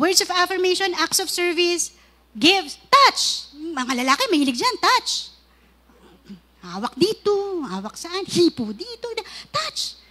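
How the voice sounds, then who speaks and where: A woman's voice: very high voice, bright, forceful tone. A woman preaching a sermon on marriage, mixing English and Tagalog, with joking asides and acted-out quarrels.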